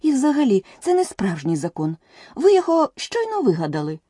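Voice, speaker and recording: A woman's voice: high-pitched, wildly swooping pitch, fairly quick, mellow, slightly rough, dry recording, clean studio sound, pitched above the performer's own voice, full character voice. A woman voicing a bold, outspoken young girl in an audiobook, arguing back indignantly. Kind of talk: audiobook character voice.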